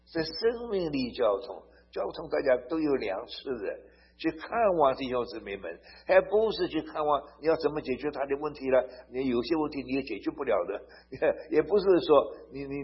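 A man preaching a sermon. He tells stories to make his points, turns emphatic and swells loud on key phrases, and often asks his listeners "好不好?". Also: medium pitch, slightly rough. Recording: dull lo-fi recording.

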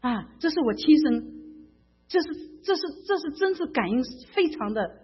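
A woman's voice: high-pitched, very animated, normal speed, faint music behind. A middle-aged woman from mainland China giving an emotional, fervent personal faith testimony, often stammering and repeating herself. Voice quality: husky. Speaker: church member giving testimony. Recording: dull lo-fi recording.

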